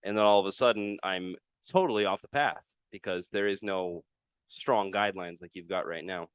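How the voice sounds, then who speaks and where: A man's voice: low voice, normal speed, clear, resonant tone, no room sound. A man co-hosting a casual podcast, telling rambling stories with wry sarcasm. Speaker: podcast co-host. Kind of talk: casual chat.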